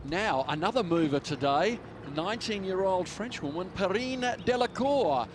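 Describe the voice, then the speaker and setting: A man giving measured, polished live golf commentary. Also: high-pitched, lively intonation, noisy background.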